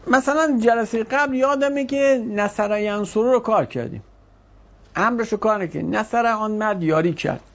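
Gravelly male teacher drilling a class. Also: high-pitched. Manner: drills students with quick questions, firm and corrective. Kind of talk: classroom grammar lesson. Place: classroom with a board.

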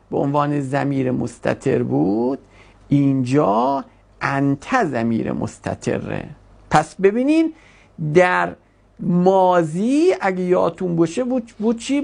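A lively teacher runs a classroom grammar lesson, and the voice swings widely in pitch. It quizzes the students, then slows down and stretches out words to explain, with a gravelly edge running through the talk. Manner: questioning, drawn-out explaining.

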